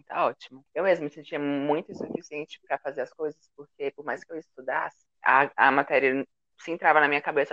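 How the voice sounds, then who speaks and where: A man's voice: fairly high pitch, a bit bright, no echo. A young man, a university student, chatting casually and telling self-mocking stories about school. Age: young adult. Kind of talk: casual chat. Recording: dull lo-fi audio.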